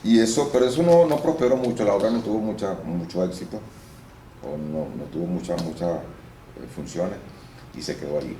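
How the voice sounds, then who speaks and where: Man with a low voice. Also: moderate pace. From Venezuela. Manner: explanatory, lively storytelling with restarts. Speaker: interviewee, actor and voice-over artist. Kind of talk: casual interview. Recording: roomy room with faint noise.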